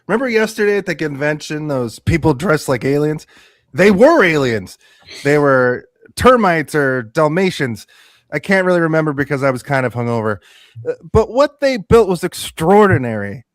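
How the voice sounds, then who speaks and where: Man acting washed-up space hero actor, high voice, very animated, agitated, insistent, radio theatre. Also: moderate pace, no room sound. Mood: boastful. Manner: agitated, insistent, repeats himself. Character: excitable washed-up male space-show actor, pleading and boastful.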